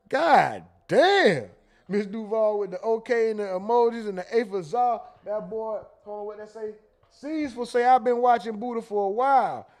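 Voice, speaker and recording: A man hosting a casual livestream, reading viewer comments aloud and reacting with quick asides and laughter. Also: very high-pitched, a bit bright. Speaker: livestream host reading super chats.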